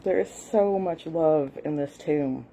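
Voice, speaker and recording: A Southern American woman with a soft, mellow, fairly low voice rambles happily at home, full of ums and little apologies. She sounds middle-aged and eager, and a faint hum of the room sits behind her. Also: slow pace, low-quality recording. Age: at least late 40s. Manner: chatty and enthusiastic, frequent fillers and apologies; shows a book page and walks viewers through it. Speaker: history hobbyist host. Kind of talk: casual rambling explanation. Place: home, cat nearby.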